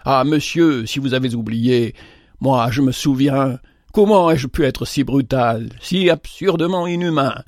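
A man reading a storybook, voicing a remorseful old gentleman traveler who pleads earnestly and insistently. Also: mid-range voice, unhurried, no echo, clean studio sound, close to an everyday voice. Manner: pleading, insistent, voice trembling with emotion.

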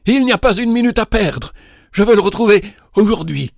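A man voicing an old, kindly father who cries out in a high, loud voice. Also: moderate pace, no echo, studio quality, close to an everyday voice. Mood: frantic. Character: wealthy old father, kindly, then frantic.

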